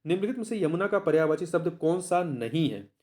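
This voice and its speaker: A man's voice: on the high side, lively intonation, fast talker, darkish tone. A man working through a practice exam, who asks a question, answers it himself and repeats the key word. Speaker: exam tutor. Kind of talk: solving a practice paper aloud.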